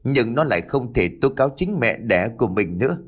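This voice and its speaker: A man's voice: medium pitch, expressive, a little fast, close to an everyday voice. A man voicing a grieving older man in a ghost story, speaking in a weary, reproachful way.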